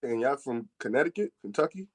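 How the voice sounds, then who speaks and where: A man's voice: mid-range voice, lively intonation, fairly quick. A man from New Jersey chatting casually as a podcast guest, with slangy, profane wording. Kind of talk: casual chat.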